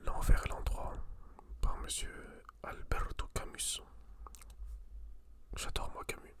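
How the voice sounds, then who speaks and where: A person whispering in a hushed library whisper, chatting casually about books and reading aloud in an intimate ASMR style. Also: takes it slowly. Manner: informal, slangy. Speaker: host reviewing books.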